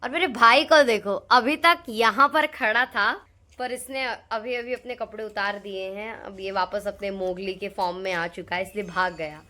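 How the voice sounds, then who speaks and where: A young college woman vlogs her family's day at home on a phone camera, chatting and teasing. Her mid-range voice moves at a moderate pace, and she tells stories in an animated way for this casual family vlog.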